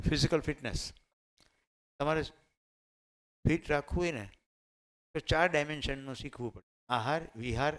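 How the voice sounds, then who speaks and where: A man with a Gujarati accent lectures a room of teachers in a smooth, clear voice. He poses questions to the audience and answers them himself, and he drops English terms into his talk. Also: on the high side. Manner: mixes in Hindi and English terms. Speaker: teacher trainer.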